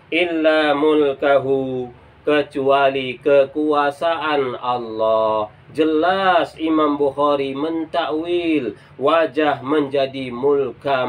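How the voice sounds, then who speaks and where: A man preaching to a congregation, emphatic and didactic as he explains a point. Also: fairly high pitch. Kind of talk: lecture to a congregation.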